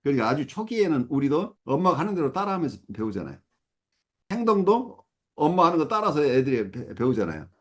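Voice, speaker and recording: A man's voice: fairly high pitch, big pitch swings, brisk. A middle-aged man supervising a case, explaining step by step with many fillers and self-corrections. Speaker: psychoanalysis supervisor. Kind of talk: explanatory teaching talk.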